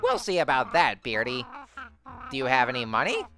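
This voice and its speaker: A man's voice: mid-range voice, huge pitch swings, moderate pace, pushed and bright, faint music behind, full character voice. A man doing a sneering, greedy taunter. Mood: mocking. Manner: sneering, teasing reading of game dialogue.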